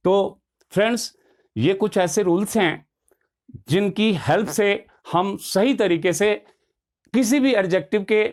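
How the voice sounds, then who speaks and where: A man teaching a grammar lesson, explaining patiently and slowing down to spell out words. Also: high voice, darkish tone.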